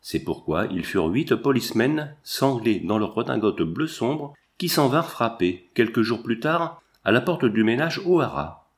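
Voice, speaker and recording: A man narrating a novel in a measured storytelling manner. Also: medium pitch, very animated. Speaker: audiobook reader. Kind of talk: scripted narration.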